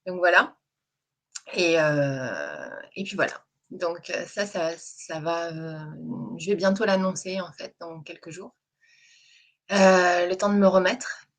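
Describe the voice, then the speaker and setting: A woman hosting a live stream, talking in a soft, hesitant way with many fillers. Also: lowish voice, expressive, slow pace. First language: French. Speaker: host. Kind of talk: casual live-stream chat.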